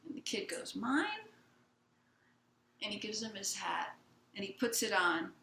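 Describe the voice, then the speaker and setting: A woman Zen teacher giving a gentle, unhurried dharma talk in a meditation hall, retelling a children's picture book for her listeners. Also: mid-range voice, steady tone, vocal fry, slight background noise. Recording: roomy hall sound.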